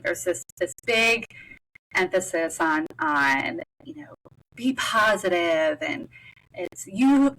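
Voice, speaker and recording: A woman's voice: medium pitch, fairly bright tone, rough recording. A woman, talking earnestly and reflectively as a guest in a casual roundtable conversation. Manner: earnest, reflective, faith-centered. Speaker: guest, mother and advocate.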